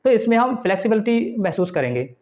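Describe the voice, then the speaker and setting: A man teaching English literature in a Hindi lecture, reading English definitions slowly and then explaining them patiently. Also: sits high, big pitch swings, darkish tone. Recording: tinny phone-like sound.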